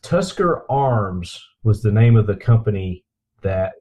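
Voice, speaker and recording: A man's voice: fairly low pitch, sing-song, a little slow, warm tone, slight background noise. A man hosting a podcast in enthusiastic casual chat, recorded through a computer's built-in microphone. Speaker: podcast host. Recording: dull lo-fi computer microphone pickup.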